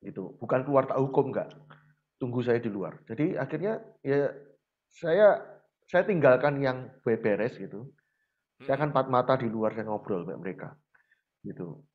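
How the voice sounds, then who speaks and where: A man's voice: medium pitch, normal speed, pauses often, narrow, tinny audio. Man with speech, storytelling teacher. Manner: lively storyteller who often acts out dialogues. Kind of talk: conversational interview storytelling.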